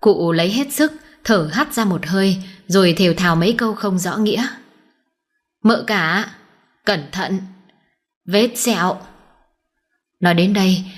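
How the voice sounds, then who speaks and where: A woman reading a dramatic story aloud in a steady, tense narrating voice. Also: fairly low pitch, fairly quick, few pauses.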